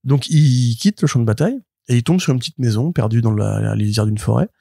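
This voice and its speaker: A man co-hosting a comics podcast, retelling a plot in an animated, rambling way full of fillers and restarts. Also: mid-range voice, fairly quick, creaky, dry recording, clean studio sound. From France. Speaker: podcast co-host, comics reviewer. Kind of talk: casual podcast chat.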